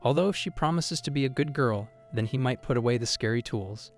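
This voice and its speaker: A man narrating a manga recap in a steady, reported-speech storytelling manner. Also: mid-range voice, brisk, soft background music.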